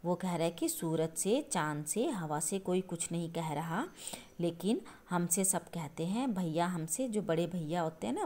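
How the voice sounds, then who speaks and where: A woman's voice: on the low side, darkish tone. A woman teacher explaining a poem to young children, repeating each point patiently and often stopping to check that they follow. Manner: patient, repetitive explaining with frequent checking asides; addresses listeners as children. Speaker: schoolteacher.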